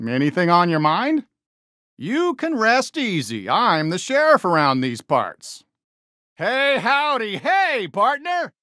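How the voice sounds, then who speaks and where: A man voicing a friendly toy cowboy sheriff for a video game, with an American accent and a folksy, eager, expressive drawl. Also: high voice, slow, no room sound, clean studio sound, full character voice. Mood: excited, hearty. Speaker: video game character greeting players. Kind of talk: animated game voice lines.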